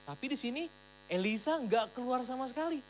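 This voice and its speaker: A woman pastor giving a sermon at a church service in a lively, emphatic way, slipping English phrases into her talk. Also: on the high side, fairly quick, a little hiss or hum, rough recording.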